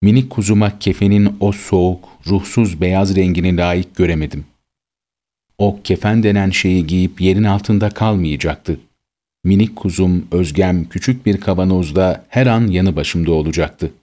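A man with a very deep voice reads a sad story aloud. He takes it slowly and somberly, like scripted narration. His low tone stays heavy throughout. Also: mellow.

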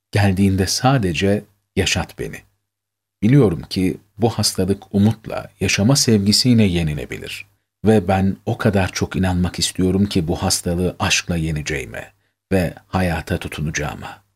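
A man reads the letter of a seriously ill woman, earnest and gentle as she pleads for love. The voice stays low and husky, with wide, lively swings in pitch. It is a storybook reading.

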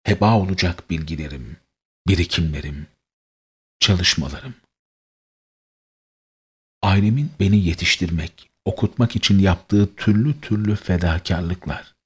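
Deep husky man narrating solemnly. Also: a little slow, long pauses. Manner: solemn, mournful recital. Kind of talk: dramatic first-person story narration.

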